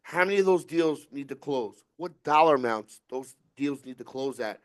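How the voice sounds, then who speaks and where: A man's voice: medium pitch, animated, normal speed. A man co-hosting a casual group podcast, swearing freely and restarting his sentences as he hypes his listeners. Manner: profane, stumbling restarts, hypes the crowd. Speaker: podcast co-host.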